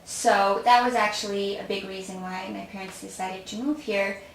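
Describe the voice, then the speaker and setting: Speaking as a guest in a casual interview, this woman recounts her family's story warmly, laughing often. Romanian is her native tongue and she has a slight accent; she was born in Australia and grew up in Chicago. Her mid-range voice has fairly even intonation and a moderate pace, recorded from a distance in an echoey room with slight hiss or hum.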